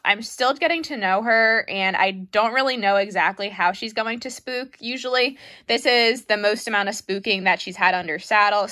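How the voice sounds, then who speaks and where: A woman's voice: mid-range voice, sharp tone. A young woman giving a casual, chatty voice-over of her own horse riding footage, with a self-deprecating manner and frequent "like". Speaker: equestrian vlogger.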